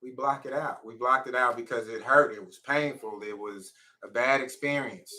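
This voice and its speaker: A man co-hosting a casual chat, reflective and soft-spoken, often trailing off. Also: mid-range voice, steady tone, moderate pace, low-quality recording.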